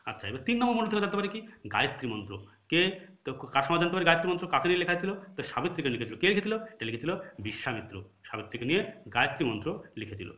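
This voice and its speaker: A man's voice: fairly high pitch, big pitch swings, very fast, bright, forceful tone, reverberant. A man with a Bengali accent teaching history for exam prep. He keeps asking rhetorical questions and answering them himself, and now and then corrects his own slips. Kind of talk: recorded lecture.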